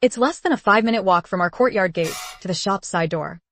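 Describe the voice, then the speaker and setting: Period drama dub: actress playing a brisk, fussing young wife who cares and gives orders, very dry recording. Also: female voice, mid-range voice, fairly bright tone, no room sound, close to an everyday voice. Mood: matter-of-fact, caring.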